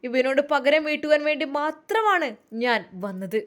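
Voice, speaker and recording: A woman's voice: sits high, sing-song, moderate pace, pitched above the performer's own voice. A woman voicing a young wife's indignant, muttered inner thoughts. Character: young wife, angry and disgusted, seeking revenge.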